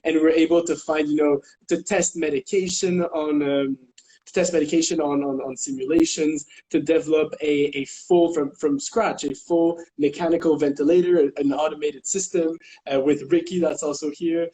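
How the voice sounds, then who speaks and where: Young guy chatting, kinda high pitched but mellow, lots of ums and restarts. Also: fairly even intonation, normal speed, poor audio. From Quebec, Canada. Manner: hesitant, many restarts and fillers. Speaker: co-host. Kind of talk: casual chat.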